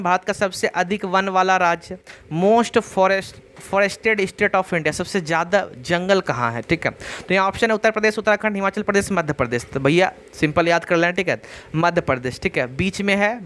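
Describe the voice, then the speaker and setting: A man's voice: sits high, fairly bright tone. A man teaching an online general-knowledge exam class, reading out questions and options and repeating each answer with rhetorical questions, talking casually to his viewers. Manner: repetitive, drills answers with rhetorical "kya hai?"; casual, addresses viewers as bhaiya and yaar. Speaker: GK quiz teacher.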